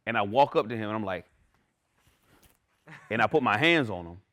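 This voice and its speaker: Lively man teaching a class. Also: on the low side, normal speed. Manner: animated, conversational, asks "right?" often. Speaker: instructor. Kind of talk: classroom lecture.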